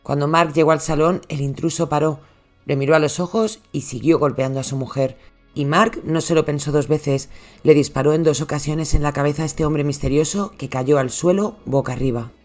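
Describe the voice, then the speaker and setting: A true crime host with a Spain Spanish accent giving a scripted narration, dropping the voice low on tense details. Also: steady tone, a little fast, faint music behind.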